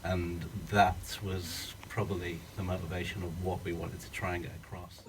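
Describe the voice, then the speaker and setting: Deep-voiced and flat, a man from the UK talks at normal speed while loud music plays behind him. As writer-director of the film, he thinks aloud earnestly at a post-screening Q&A in a screening room, speaking up without a working mic. The recording has a distant room quality.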